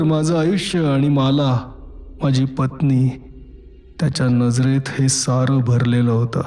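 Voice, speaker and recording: A man reading a first-person horror story aloud, measured and dramatic with deliberate pauses. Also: on the high side, mellow. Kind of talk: scripted horror audiobook narration.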